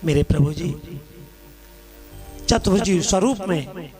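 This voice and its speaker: A man's voice: a little high, expressive, slow, over music. A man with a lilt, an emphatic devotional preacher telling a sacred story and giving instruction. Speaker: Bhagavat katha preacher.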